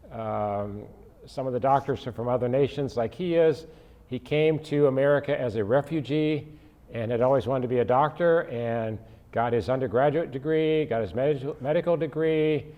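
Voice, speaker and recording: A man's voice: mid-range voice, lo-fi sound. An older man hosting a podcast interview, chatty and rambling as he asks questions. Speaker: podcast host. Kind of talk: interview conversation.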